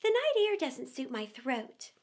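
A woman's voice: sits high, big pitch swings, unhurried, heavily acted. A woman voicing a fussy old magpie making excuses to leave. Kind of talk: storybook read-aloud.

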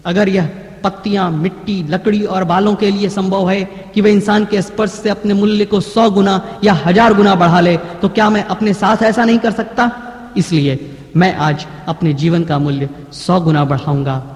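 Male trainer, high voice, emphatic declaiming, recorded with long hall echo. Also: fairly even intonation, a little mellow. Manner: emphatic, declaiming with repeated slow phrases. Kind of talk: motivational lecture, reading pledges aloud. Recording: echoey hall.

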